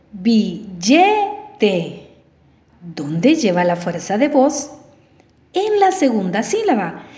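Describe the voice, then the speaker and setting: A woman teacher, giving a slow lesson that stretches out the syllables of example words. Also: fairly high pitch, a little mellow. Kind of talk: slow televised language lesson. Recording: roomy, slightly dull recording.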